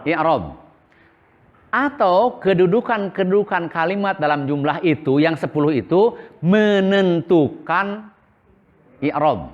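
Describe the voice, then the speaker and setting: A man's voice: sits high, lively intonation, takes it slowly, pauses often, dull audio. A man teaching a religious school class, asking questions and answering them himself in a repetitive call-and-response way. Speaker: Islamic boarding school teacher.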